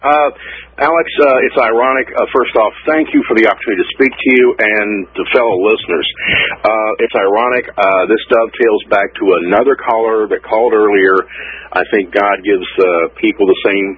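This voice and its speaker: A man's voice: fairly low pitch, fairly even intonation, fairly quick, breathy edge. A male caller on a phone line who speaks earnestly and hesitantly, with many fillers. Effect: calling in over a phone line. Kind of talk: radio call-in.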